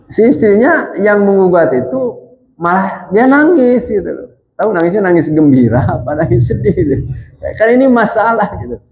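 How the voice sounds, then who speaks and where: A male ustadz giving a mosque sermon in a conversational way, calling the men Pak and reciting Arabic texts slowly. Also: expressive, darkish tone, highs cut off. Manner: wide swings in pitch and volume.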